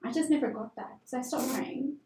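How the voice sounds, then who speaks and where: Guest: young woman from Tanzania, candid, chatty, slightly high mellow voice, echoey room. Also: fairly quick, slight background noise. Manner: candid personal storytelling with fillers. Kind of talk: conversational interview.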